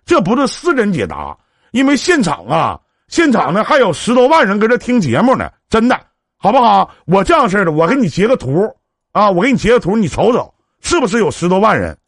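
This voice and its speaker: A man's voice: high-pitched, huge pitch swings, a little fast, no room sound, studio quality. A man with a Northeastern Mandarin accent hosting a live-stream relationship advice show, chatting on the phone in a brash, joking, big-brotherly way. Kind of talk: casual phone counseling chat on a live stream.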